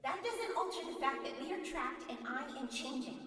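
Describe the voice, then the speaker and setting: Casting: very high-voiced bitter woman becoming a monster, sarcastic, agitated, audio drama in huge reverb. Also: expressive, moderate pace, fairly bright tone, distant mic, soft background music. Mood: bitter, anxious. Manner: mocking, agitated. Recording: cavernous long reverb, off mic.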